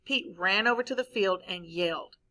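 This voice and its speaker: Bright-voiced woman teacher reading aloud. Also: medium pitch, normal speed, poor audio. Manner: expressive, asks the class questions. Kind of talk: reading a story aloud to a class.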